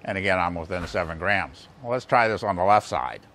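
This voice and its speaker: An American instructor in his sixties demonstrates engine balancing equipment in a large indoor machine shop, explaining step by step in a plain-spoken, folksy way. His low voice is fairly quick and a bit bright, with lively intonation, over clear workshop background noise.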